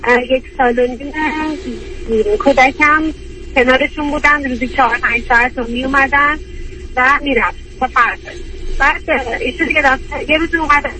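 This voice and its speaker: A woman's voice: high-pitched, bright, forceful tone, slight background noise. Woman caller on a distant phone line. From Iran. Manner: halting, long roundabout telling. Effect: voice heard over a phone line on a radio call-in. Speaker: caller to a radio advice show. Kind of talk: call-in consultation. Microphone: hand-held phone.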